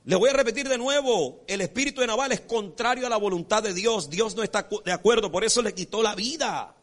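A man preaching a sermon as pastor, folksy and animated, acting out characters and checking in with his congregation. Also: high voice, a little fast. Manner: repeats rhetorical check-ins with the congregation.

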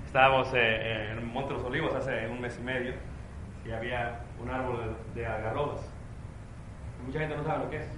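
A man preaching a sermon with a Mexico City accent, swinging between loud emphatic declarations and low confiding asides. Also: fairly even intonation, moderate pace. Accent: Mexico City Spanish. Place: church hall. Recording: very echoey church hall with faint noise.

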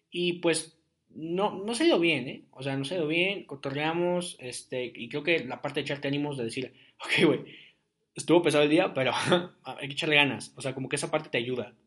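A man's voice: on the high side, animated, a little fast. Chatty young man podcasting. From Jalisco, Mexico. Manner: rambling, chatty, many fillers. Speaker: podcast host. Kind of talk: casual solo podcast monologue.

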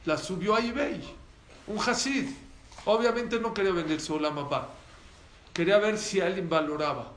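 A man telling a lively sermon story as a religious teacher to a small audience. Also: sits high, moderate pace. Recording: echoey room, faint background noise.

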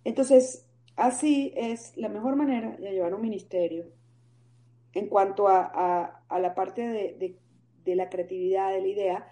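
A woman, telling her faith story in an animated interview and acting out the voices in it. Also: medium pitch, measured pace. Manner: animated, storytelling, acts out quoted dialogue. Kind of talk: conversational interview.

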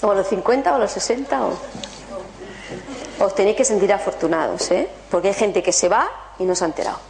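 A woman giving an animated motivational talk to an audience, asking them rhetorical questions. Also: medium pitch, fast, a little hiss or hum. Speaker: spiritual workshop speaker.

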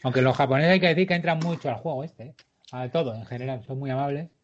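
A man, co-hosting a casual chat and telling anecdotes in a jokey, storytelling way, slowing down for effect. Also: mid-range voice. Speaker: podcast co-host. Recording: dull lo-fi recording.

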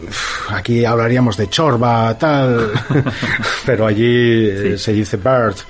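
A man's voice: mid-range voice, takes it slowly, a little hiss or hum. A man talking casually about a film, enthusiastic and rambling, with many fillers and restarts. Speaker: film commentator. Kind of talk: casual film chat on a radio show.

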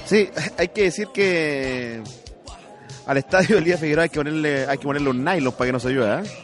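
Wry co-host over music. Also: male voice, a little high, a little fast. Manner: teasing, wry asides. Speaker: radio co-host. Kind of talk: casual radio banter.

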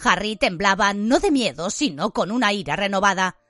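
A woman narrating an audiobook with an expressive storytelling delivery, recorded in a dry studio. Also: medium pitch, moderate pace, no room sound. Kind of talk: scripted narration. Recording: dry studio read with faint music.

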